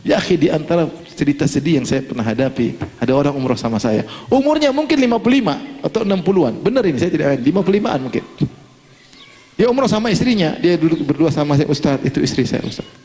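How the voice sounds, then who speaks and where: A middle-aged male preacher giving an Islamic sermon, telling stories and acting out dialogue in a lively, animated way. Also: a little high, quick pace. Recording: long hall reverb.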